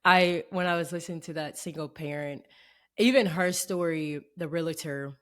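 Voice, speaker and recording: Woman podcast host asking measured questions. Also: low voice, a crowd in the background. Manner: warmly affirming, measured questions. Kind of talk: casual interview conversation.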